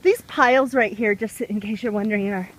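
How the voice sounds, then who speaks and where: A woman's voice: mid-range voice, a little fast. A woman vlogging casually outdoors on a handheld camera, talking while walking through a trail race. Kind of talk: casual vlog chat.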